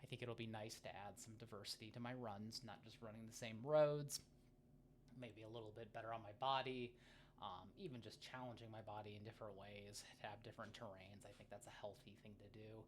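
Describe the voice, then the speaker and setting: An American man rambling casually to viewers as a running vlogger, halting and self-deprecating, often drifting into asides. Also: on the low side, fairly even intonation. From United States. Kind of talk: casual, rambling vlog chat. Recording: faint ambient background noise.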